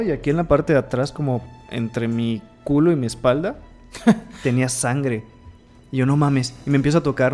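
A man's voice: mid-range voice, darkish tone. A man with a Mexican accent in casual chat, telling a story vividly and acting out voices and sound effects. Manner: vivid storyteller who acts out quotes and sounds. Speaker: co-host telling a party story.

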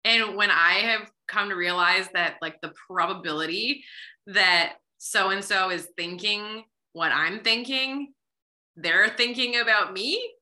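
A woman's voice: mid-range voice, sharp tone. A woman in her thirties hosting a podcast, chatting reflectively and often saying "like". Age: 30s. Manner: reflective, chatty, heavy use of "like". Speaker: podcast host. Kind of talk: casual conversational interview.

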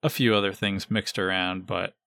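A man's voice: low voice, steady tone, normal speed, creaky, sharp tone, dry recording. A man giving casual sports analysis as a podcast co-host.

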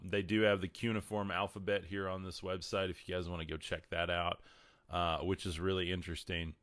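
A man with a West Texas twang hosts a casual livestream. His voice sits fairly low and is smooth and clean, recorded close and dry. He chats informally with viewers in a drawl. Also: pushed and bright, no room sound. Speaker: livestream host. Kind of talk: casual livestream talk, answering viewer questions.

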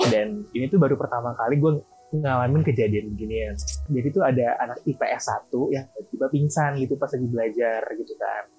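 A man from Sumatra telling a story in a casual chat, animated and slangy. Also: mid-range voice, quick pace, breathy edge, faint music behind, rough recording.

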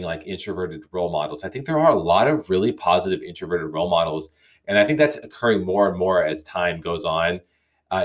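A man hosting a casual solo podcast, thoughtfully reading listener emails aloud and reflecting on them with frequent restarts. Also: deep voice. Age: young adult or middle-aged, parent. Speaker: podcast host.

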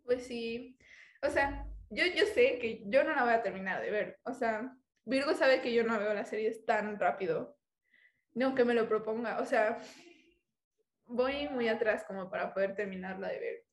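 A woman's voice: a little high, moderate pace. A woman in casual chat, rambling and self-mocking, laughing at herself. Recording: echoey room.

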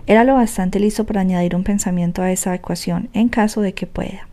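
A woman narrating an audiobook in a steady, measured way. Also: mid-range voice. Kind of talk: scripted narration.

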